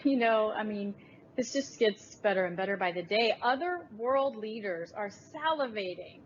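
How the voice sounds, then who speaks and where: A woman's voice: mid-range voice, lively intonation, moderate pace. A woman commenting as a guest on a political talk show, in a dismissive tone. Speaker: panel guest. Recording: dull lo-fi stream audio with faint noise.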